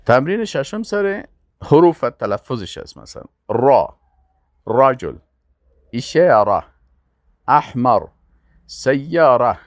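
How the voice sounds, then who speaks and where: An older man with an Afghan Dari accent, teaching an Arabic lesson and patiently repeating words slowly for pronunciation. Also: mid-range voice, very animated, no echo. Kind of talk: language lesson.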